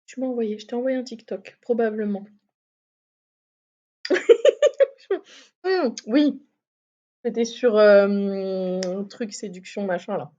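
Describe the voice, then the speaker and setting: A woman's voice: mid-range voice, flat delivery, moderate pace, dark tone. A woman streaming a game live, chatting casually, swearing and laughing at herself. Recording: slightly muffled stream mic.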